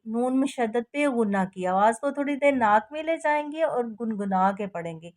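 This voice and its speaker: A woman teaching a recitation lesson, chanting verses slowly and melodically, then explaining each rule in plain speech. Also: fairly high pitch, animated. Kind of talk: slow tajweed lesson with recitation.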